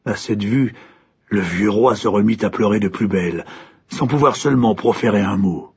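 A man narrating a fairy tale with expressive, dramatic pacing and a husky voice. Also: fairly low pitch, moderate pace, highs cut off. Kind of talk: storybook narration.

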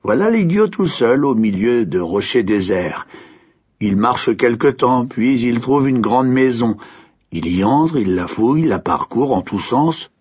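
A man narrating a fairy tale in an expressive storytelling manner. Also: mid-range voice, unhurried, breathy edge. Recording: dull lo-fi recording.

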